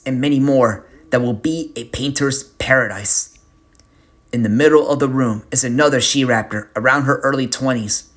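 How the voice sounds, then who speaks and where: Male narrator, mid-pitched voice, reads a fantasy story slowly and carefully. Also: fairly bright tone.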